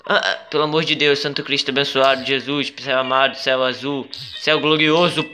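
A man with a Brazilian accent doing gameplay commentary, exclaiming, swearing and pleading at the game, with sudden high yelps. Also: level tone, brisk, sharp tone, soft background music. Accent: Brazilian Portuguese. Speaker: gaming video creator.

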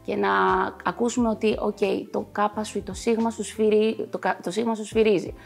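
A woman's voice: medium pitch, flat delivery, vocal fry, darkish tone, faint music behind. Greek woman voice coach explaining. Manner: explanatory, with frequent fillers. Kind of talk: TV talk show interview.

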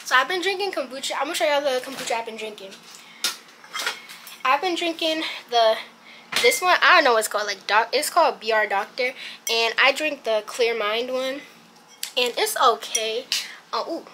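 A woman's voice: sits high, noisy background. A teenage girl chatting casually to her vlog camera, full of slang and fillers. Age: teens. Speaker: vlogger. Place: kitchen, then street and gym. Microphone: handheld camera at arm's length.

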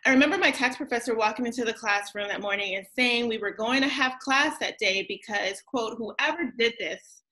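A woman in her forties, a professor telling a story in a conversational, deliberate speech over a video call. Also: on the high side, pushed and bright. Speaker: law school professor giving closing remarks. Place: indoors on a group video call.

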